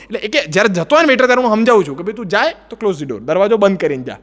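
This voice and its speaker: A man's voice: sits high, big pitch swings, racing. A man with a Gujarati accent performing a stand-up comedy routine, telling stories with put-on voices and broken English.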